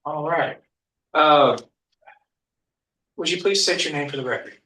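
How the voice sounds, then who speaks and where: Brief: man, probate attorney on a courtroom recording, bright tone, roomy distant mic. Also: a little high, unhurried. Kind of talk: formal courtroom questioning. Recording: echoey room, distant mic.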